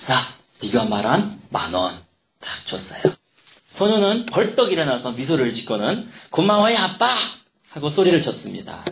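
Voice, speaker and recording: Male pastor, storytelling sermon, animated delivery, roomy hall sound. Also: medium pitch, a little hiss or hum. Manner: acts out dialogue voices while telling a story.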